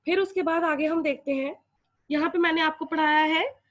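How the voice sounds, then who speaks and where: A woman's voice: high-pitched, fairly even intonation, moderate pace. A young woman with a Pakistani accent teaching an English lesson, explaining word by word and switching between Urdu and English. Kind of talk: classroom lecture.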